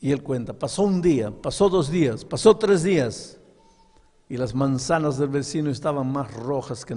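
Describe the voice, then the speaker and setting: A male pastor preaching a sermon, telling a story in an animated, dramatic way. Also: medium pitch, slightly rough. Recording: long echo of a large hall.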